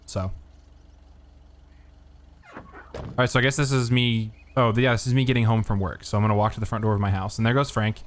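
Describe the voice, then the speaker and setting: A man streams a game, thinking aloud in a relaxed, casual way. His voice sits low. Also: fairly quick, pauses often. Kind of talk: casual gameplay commentary.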